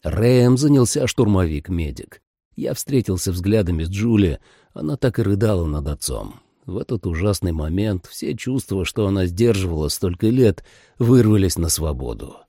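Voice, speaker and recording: A man's voice: deep voice, animated, normal speed, mellow, no room sound, clean studio sound. A man narrating a first-person action audiobook dramatically. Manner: dramatic, voices every character.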